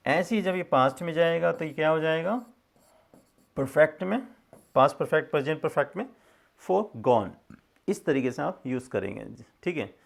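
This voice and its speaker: A middle-aged man teaching English, reading sentences slowly and explaining them in Hindi. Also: a little high, expressive, creaky. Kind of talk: casual spoken English lesson.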